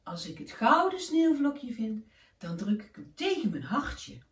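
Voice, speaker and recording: A woman's voice: a little high, very animated, a little slow, pitched above the performer's own voice. A woman voicing a sweet, hopeful little snowman boy in a storybook tale, in an eager, childlike way. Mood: dreamy. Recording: roomy, distant from the mic.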